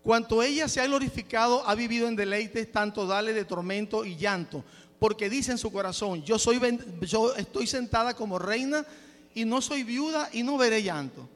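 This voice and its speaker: A man's voice: sits high, moderate pace, fairly bright tone, big-room sound. A man preaching a sermon to his congregation, often breaking in with praise to God and stumbling over words as he explains. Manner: restarts and stumbles while exhorting; frequent praise interjections. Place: church.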